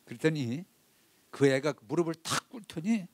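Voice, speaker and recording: With an expressive, slightly high voice at a normal speed, a male pastor recounts a heartfelt story in his sermon and speaks straight to his congregation. The recording is dry.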